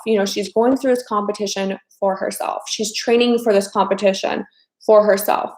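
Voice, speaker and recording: Speaking to viewers on a live stream, this dating coach, a woman in her thirties from the American Midwest, keeps things casual, chatty and loose, with plenty of fillers and repetition. Her pitch is middling. The room around her gives off a noticeable echo.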